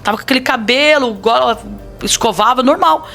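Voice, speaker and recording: A woman's voice: fairly high pitch, fairly quick, fairly bright tone, faint music behind. A woman pastor with a Brazilian accent, telling a personal testimony in a podcast interview in an earnest, dramatic way. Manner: earnest, dramatic storytelling with quoted dialogue.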